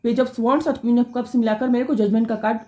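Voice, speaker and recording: A woman reads tarot cards at a quick clip, talking straight to her audience and often restarting her sentences. Her voice sits a little high and sounds mellow rather than bright. The room around her is noticeably echoey. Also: fairly even intonation. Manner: rapid, self-correcting, addresses viewers directly. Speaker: tarot reader. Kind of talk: fast-paced tarot reading to camera.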